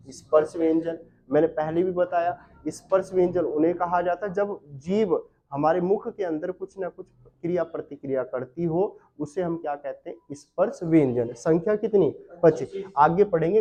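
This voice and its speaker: A man teaching a Hindi grammar class for exam prep. He asks questions, answers them himself, and repeats key terms slowly. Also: high-pitched, dark tone. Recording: dull lo-fi sound.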